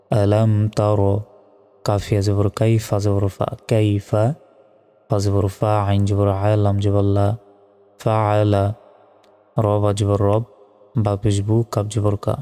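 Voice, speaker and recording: A man with a low, mellow voice teaching Quran recitation. He spells out each syllable slowly and chants the verses in a steady, even tone. The recording carries a long, echoey reverb. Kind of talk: step-by-step recitation lesson.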